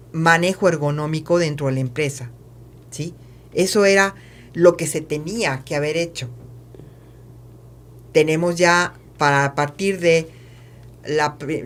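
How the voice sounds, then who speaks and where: A woman consultant as a podcast guest, speaking emphatically and addressing the listener directly. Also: low-pitched. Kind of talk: explanatory podcast talk.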